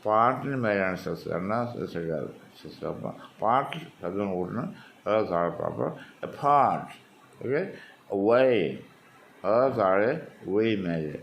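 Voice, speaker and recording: Male English teacher, Malayali accent, lowish voice, patient step-by-step drills, faint hiss behind. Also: expressive, moderate pace, gravelly, fairly bright tone. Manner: explains step by step, repeating words with heavy stress drills. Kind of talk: spoken English lesson.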